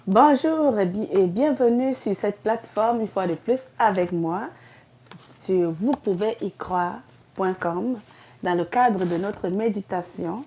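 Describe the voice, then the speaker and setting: A woman's voice: medium pitch, takes it slowly, mellow, a little hiss or hum. A woman pastor with a Québécois French accent giving an earnest devotional sermon, pleading and then rising to emphatic outbursts.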